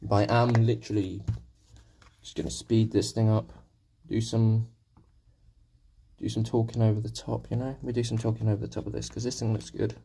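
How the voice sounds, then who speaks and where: This is a fairly low-pitched, dark-toned male voice, gravelly and husky, delivered flatly at a normal speed. The young man has a sore throat and is casually chatting with stream viewers as he paints, rambling and poking fun at himself. There's slight background noise.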